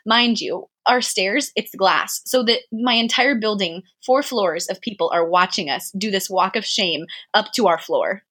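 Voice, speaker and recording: A woman telling a story in casual chat, animated and laughing often, with many fillers. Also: medium pitch, a little slow, hardly any pauses, slightly rough.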